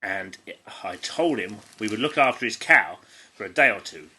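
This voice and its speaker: This English comedy podcast co-host has a lowish, sharp-toned voice that is expressive and moderately paced. He reads aloud a child's stories in an amused, giggly way, frequently stumbling and stopping to comment.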